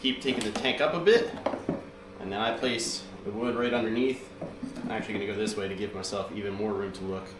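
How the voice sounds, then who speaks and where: A man with a nasal, congested voice from being sick, calmly walking through a repair step by step with frequent ums and uhs. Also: on the low side, brisk, noisy background. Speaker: mechanic demonstrating a repair. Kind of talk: casual how-to demonstration.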